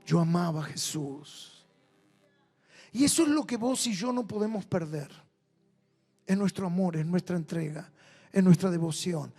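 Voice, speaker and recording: A man with a high, bright-pitched voice and an Argentine Rioplatense accent, preaching at a church meeting. He preaches through personal stories, dropping to soft, confiding asides and then rising into loud bursts. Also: measured pace, pauses often, husky, soft background music. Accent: Argentine Rioplatense Spanish. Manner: animated storyteller, swings between soft intimate asides and loud bursts. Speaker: pastor. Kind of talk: storytelling sermon. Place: church meeting with live audience.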